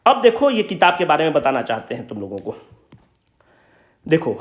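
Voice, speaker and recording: A young man, teaching exam aspirants in an informal coaching talk, emphatic and pleading, repeating himself and mixing in English terms. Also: high voice.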